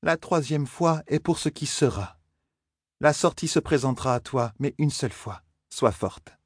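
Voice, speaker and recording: A man voicing a calm stern woman mentor. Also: mid-range voice, slightly rough, no echo, clean studio sound, pitched above the performer's own voice. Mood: calm counsel. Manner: measured, soothing counsel. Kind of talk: audiobook character voice.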